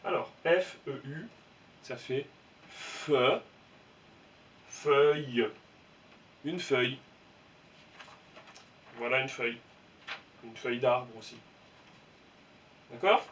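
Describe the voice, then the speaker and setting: Guy teaching little kids to read, slow and patient, spells out every sound, sits back from the mic, faint hum behind. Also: medium pitch, fairly bright tone. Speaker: primary school teacher. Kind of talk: reading lesson for young children. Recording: voice from some distance, faint room noise.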